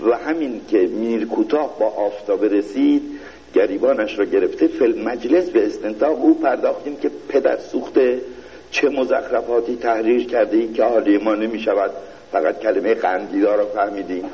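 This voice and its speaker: A man giving a satirical reading in a mock-royal court style, slow and pompous. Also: lowish voice, dark tone, muffled recording. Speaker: reader of a satirical piece.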